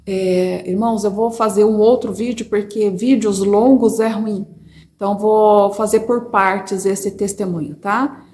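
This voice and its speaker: A woman with a Brazilian Portuguese accent, telling her personal faith testimony to viewers in an expressive, chatty way from a corner of her home. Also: mid-range voice, measured pace. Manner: expressive storyteller, addresses viewers as brothers. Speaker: testimony speaker. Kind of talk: personal religious testimony, casual.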